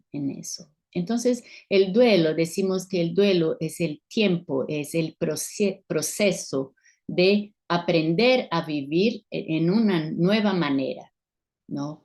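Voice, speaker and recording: A Brazilian psychologist appears as an interview guest, explaining things thoughtfully in a Portuguese accent. Her fairly low, slightly mellow voice pauses now and then as she searches for words.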